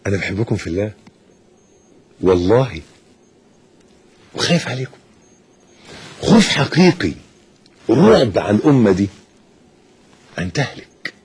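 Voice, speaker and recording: A man with an Egyptian accent preaching an impassioned sermon, swinging from hushed to loud. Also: on the low side, husky. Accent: Egyptian Arabic.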